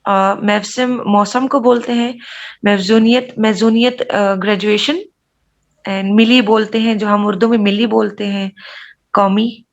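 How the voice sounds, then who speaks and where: Woman haltingly reading a vocabulary list. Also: medium pitch, steady tone, muffled recording. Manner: halting, with frequent fillers. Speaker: student. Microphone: video call.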